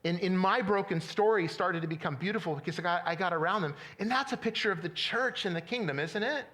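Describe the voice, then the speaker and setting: A man's voice: sits high, quick pace, pushed and bright. A middle-aged man preaching a sermon as pastor, conversational and often repeating words as he restarts.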